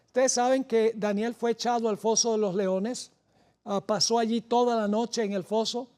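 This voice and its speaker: A woman preaching a sermon, with deliberate phrasing and rising emphasis on key words. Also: a little high, steady tone, dark tone.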